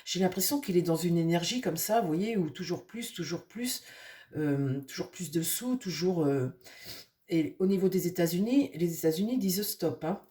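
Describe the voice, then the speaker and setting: A woman with a cold who talks through her nose, rambling casually with many fillers while reading tarot for her viewers and speaking softly to her cards. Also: lowish voice, lively intonation, moderate pace. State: nasal from a cold. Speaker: tarot reader.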